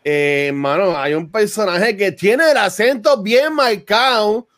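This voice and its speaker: A man's voice: high voice, slow, a bit bright. A man from Puerto Rico with a Puerto Rican accent, co-hosting a casual podcast chat and mixing English words into his Spanish. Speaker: podcast co-host.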